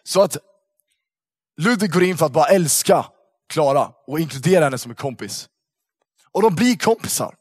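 Animated man telling a story, dry sound. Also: on the high side, long pauses, husky, no echo. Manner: animated storyteller, slangy with lots of fillers. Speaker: youth speaker. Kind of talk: casual storytelling talk to young people.

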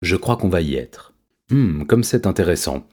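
A man voicing an excitable, bookish male cat who exclaims and trips over long words. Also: low-pitched, moderate pace, breathy edge. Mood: excited.

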